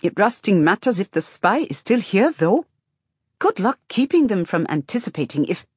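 A woman's voice: medium pitch, big pitch swings, moderate pace, husky, dry recording, clean studio sound, voice pushed up. Woman voicing a blunt, sardonic, stubborn woman. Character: blunt, stubborn, teasing woman with sharp teeth. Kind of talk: audiobook character dialogue.

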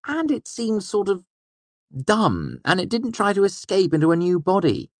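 A man reading an audiobook, voicing a quick, mischievous young male companion who speaks urgently. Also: high voice, wildly swooping pitch, no echo, voice pushed up, heavily acted. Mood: matter-of-fact. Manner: quick, urgent, hissing when secretive.

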